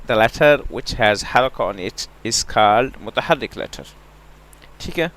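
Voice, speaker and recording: A man's voice: medium pitch, fairly bright tone. A man teaching Quran letter sounds in a patient lesson, repeating each sound and checking understanding, with some English phrases mixed in. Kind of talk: slow step-by-step lesson.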